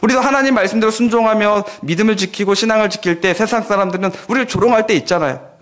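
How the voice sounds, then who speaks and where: A man's voice: high-pitched, racing. A man preaching a sermon at a church prayer meeting. He tells a vivid story and acts out the voices of the people in it. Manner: animated storytelling, acting out quoted voices. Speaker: pastor.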